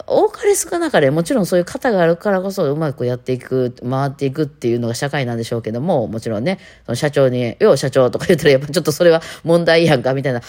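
A woman's voice: sits low, darkish tone. A woman with a Kansai accent, a violinist, chatting casually and rambling on her own talk show, with playful mimicry. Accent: Kansai Japanese. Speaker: violinist and podcast host.

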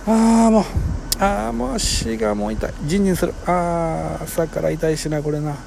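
A man voicing a worn-out middle-aged woman on a bus, shrill in protest and muttering complaints. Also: expressive, very fast, a little hiss or hum. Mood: weary muttering.

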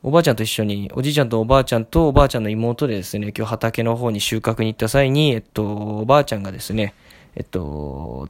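A man's voice: on the low side, expressive, fast, no room sound. A young man rambling wryly through a solo casual monologue as a podcast host, recorded in his home kitchen. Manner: rambling, wry, self-deprecating chatter.

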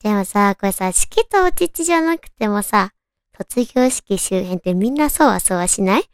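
A woman with a naturally cute, girlish anime-style voice hosts a casual solo radio chat, talking to her listeners in a cutesy, animated way. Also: mid-range voice, moderate pace, smooth, no echo, studio quality. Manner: cutesy, animated, addressing listeners with soft questions. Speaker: radio show host.

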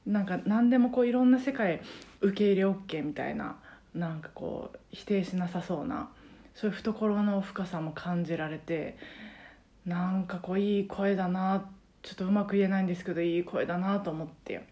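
Woman, Kansai accent, mellow warm tone, casual solo podcast chat, lots of fillers. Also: on the low side, normal speed. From Japan. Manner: chatty, many fillers, rambling. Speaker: karaoke teacher and podcast host.

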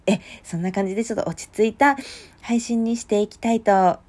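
A young woman hosting a casual solo podcast late at night, chatty and lively, often bursting into a louder voice. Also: mid-range voice, brisk. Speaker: podcast host. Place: home at night.

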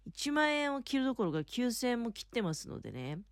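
A woman's voice: a little high, big pitch swings, fairly quick, no room sound, studio quality. A woman chatting casually on her own as a podcast host, talking in a chatty, polite, explanatory way from under the covers in bed. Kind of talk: casual solo chat. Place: in bed under a futon at home.

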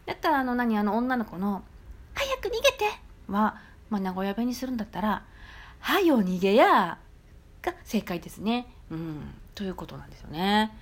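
A woman from Nagoya with a Nagoya accent, chatting casually on her own podcast with lots of soft fillers. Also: medium pitch, fast talker, few pauses. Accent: Nagoya dialect. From Nagoya, Japan. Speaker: podcast host. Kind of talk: casual solo chat.

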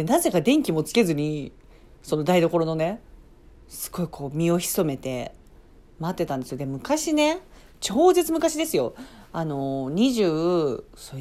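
A woman's voice: fairly low pitch, a little mellow. A woman casually telling a story on her own as a podcast host, chatty, breaking off for playful asides and acting out sounds and reactions.

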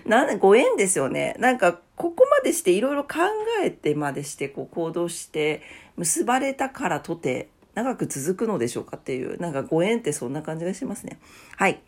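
A woman's voice: fairly low pitch, sing-song, fairly quick, darkish tone. A woman hosting a casual morning talk show, a bit stuffy-nosed, chatty and laughing at her own asides. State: stuffy nose. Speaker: podcast host.

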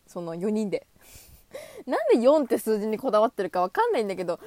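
A young woman in her twenties talking casually and self-deprecatingly on a solo podcast, giggling and acting out imagined conversations. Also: dry recording. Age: 20s. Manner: animated, high-energy, acts out imagined dialogue.

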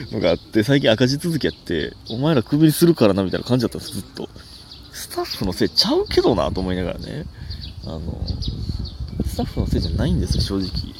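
A young man with a Kansai accent chats alone on his comedy podcast, wandering from story to story and poking fun at himself. His pitch swings widely as he talks, with a gravelly, creaky edge. A faint hiss of noise sits under the voice. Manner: rambling, self-mocking, animated outbursts. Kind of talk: casual solo podcast chat.

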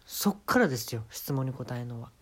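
A man's voice: medium pitch, expressive, a little fast, fairly bright tone. A man with a Kansai Japanese accent hosting a podcast, telling an absurd comic story and giving mock-serious instructions in a casual monologue. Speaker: podcast host.

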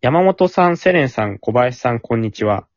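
Lively teasing man reading letters aloud. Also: mid-range voice, normal speed, no echo, dull audio. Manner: teasing, reads letters aloud with playful emphasis. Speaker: podcast host reading listener letters. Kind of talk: casual chat.

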